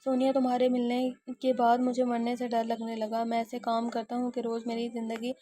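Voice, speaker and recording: A woman's voice: fairly high pitch, monotone, mellow, dry recording, lightly acted. A woman reading the part of a lovesick gangster man who earnestly pleads his love in an audio novel. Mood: pleading.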